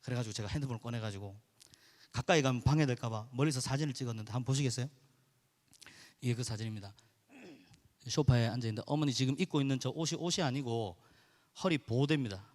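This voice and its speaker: A man's voice: medium pitch, fast talker, pauses often. A male pastor, telling a personal story in an earnest sermon to his congregation in a church sanctuary. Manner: earnest, animated storytelling, addresses the congregation directly. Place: church sanctuary during a midweek service. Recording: reverberant church hall.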